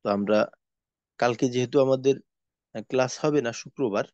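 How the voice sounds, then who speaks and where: A man teaching a class on pronouncing Arabic letters, explaining each sound slowly and then modelling it syllable by syllable. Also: mid-range voice, darkish tone, no echo, muffled recording. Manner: slow, careful, demonstrates letter sounds syllable by syllable. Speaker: Quran recitation teacher. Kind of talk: online tajweed lesson.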